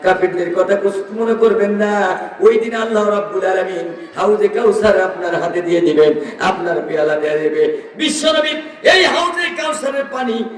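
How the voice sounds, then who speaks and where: A man preaching a sermon, chanting and shouting, his voice swinging between high cries and low sung lines. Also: steady tone, moderate pace. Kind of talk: Bengali waz sermon. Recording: echoey hall, voice from far off.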